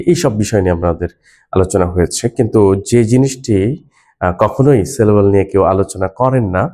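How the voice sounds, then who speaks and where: A man's voice: lowish voice, mellow. A man teaching an English phonics lesson, patiently explaining and spelling out words letter by letter.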